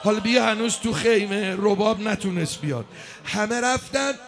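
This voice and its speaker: A man leading a mourning gathering, speaking and chanting a lament with great passion, at times shouting, at times drawing words out in a slow wail. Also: high voice. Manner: impassioned, moves between speech, shouting and slow wailing chant. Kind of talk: Shia mourning recitation, spoken and chanted. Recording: crowd of mourners audible behind.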